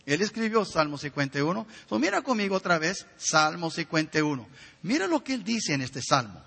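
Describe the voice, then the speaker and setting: A man's voice: fairly high pitch, very animated, a little fast, creaky, bright, forceful tone, slightly rough, big-room sound. A man preaching a sermon with fervor, often turning to ask the listeners direct questions.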